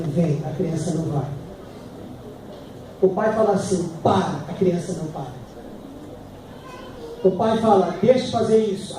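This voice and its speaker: A middle-aged man with a Brazilian Portuguese accent, preaching a sermon as pastor, fervent and building to loud emphatic peaks. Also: high voice. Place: church hall. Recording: echoey hall, distant mic, noisy.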